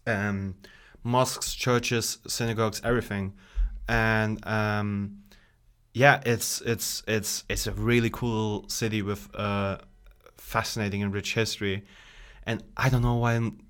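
A man co-hosting a gaming podcast in relaxed chat, tired and rambling with plenty of fillers and restarts. His voice is smooth and resonant and sits a little low. He grew up in Bosnia and Herzegovina. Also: unhurried. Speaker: podcast co-host. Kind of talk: casual chat.

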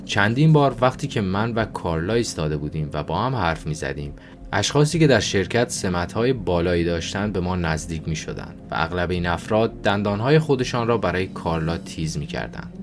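An audiobook narrator with a very low voice reads aloud. His delivery is calm and even, with soft music playing faintly behind him.

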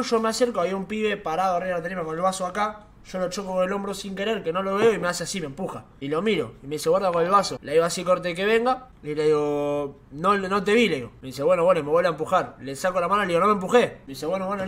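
A young man with an Argentine accent telling a night-out anecdote in casual, slangy, animated chat. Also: high voice. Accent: Argentine Rioplatense Spanish. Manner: animated, slangy, laughs as he tells it. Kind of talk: casual storytelling.

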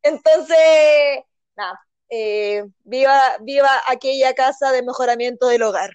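A woman with a Chilean accent, co-hosting a casual chat and telling funny family stories with lively acted-out quotes. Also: high-pitched, measured pace, clear, resonant tone, no room sound. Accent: Chilean Spanish. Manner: animated, acts out quotes, laughs often. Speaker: podcast co-host.

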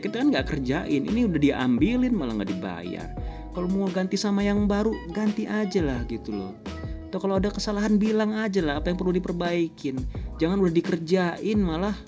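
A man, hosting a podcast and telling a personal story in a casual, animated way, chuckling often. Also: sits high, a little fast, music in the background. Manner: animated, chuckles often, acts out quoted voices. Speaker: podcast host.

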